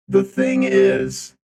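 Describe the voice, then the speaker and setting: A man streaming casually, his voice pushed through a robot voice changer that makes it booming, deep and metallic. He rambles and repeats phrases, and the overall feel is mellow.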